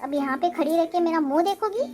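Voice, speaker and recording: A woman voicing a bold, sharp-tongued young heroine in a cartoon, talking in a bossy, cutting way. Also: very high voice, fast talker, music in the background. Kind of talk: cartoon voice acting.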